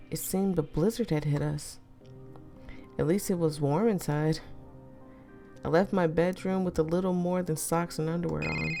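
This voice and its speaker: A woman with a cold and a swollen, congested throat, chatting casually and playfully as she hosts a story read-aloud. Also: on the low side. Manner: playful, self-interrupting, teasing the audience. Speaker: host reading a story aloud.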